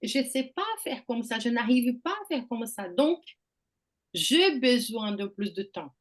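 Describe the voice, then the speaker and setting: A woman's voice: a little high, animated, unhurried. A woman hosting a group talk, explaining ideas through personal examples and checking in with "okay?". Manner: explains with examples, asks "d'accord?". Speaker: workshop host. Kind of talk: conversational teaching.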